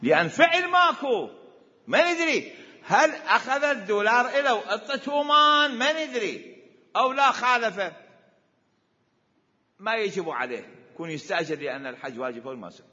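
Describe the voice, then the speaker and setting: A man's voice: high-pitched, animated, brisk, long pauses, bright, forceful tone. A man with an Iraqi accent giving a seminary lecture on Islamic law, questioning and repeating his points for emphasis. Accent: Iraqi Arabic. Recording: echoey hall, dull lo-fi sound.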